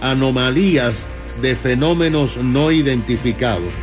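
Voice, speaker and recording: A man with a medium-pitched voice presents news on a radio show at a slow, measured pace. He explains things to his co-host, and music plays clearly behind him. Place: radio studio. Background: music bed.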